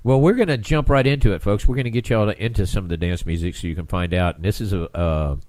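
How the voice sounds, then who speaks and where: Radio guy all stuffed up, kinda low voice, rambles and restarts a lot, dry sound. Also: fast, darkish tone, no room sound. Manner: chatty, rambling, restarts phrases often. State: congested, stuffed-up nose. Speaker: radio host. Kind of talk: casual radio interview.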